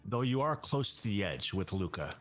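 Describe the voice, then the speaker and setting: A man with a low voice runs a tabletop game as its game master. He talks in a loose, halting way, full of fillers, with faint music under him. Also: big pitch swings.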